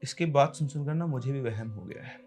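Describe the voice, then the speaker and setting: A man's voice: mid-range voice, a little fast, a little mellow, natural voice. A man voicing a frightened young man who talks urgently and pleadingly in a spooky storybook tale. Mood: anxious. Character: scared young man, friend in a haunting.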